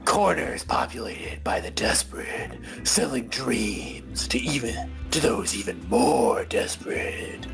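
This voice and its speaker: A man doing a gravelly whispered noir narrator. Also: medium pitch, lively intonation, music in the background. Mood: brooding. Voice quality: raspy whispered noir delivery. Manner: slow, brooding, gravelly. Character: hard-boiled noir narrator, a cat burglar. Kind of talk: dramatic reading for a comedy group read-along.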